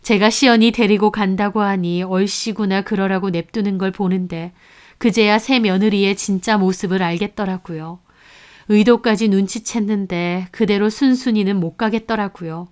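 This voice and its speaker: A woman narrating a first-person story in a plain, steady reading voice. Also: medium pitch, moderate pace, smooth.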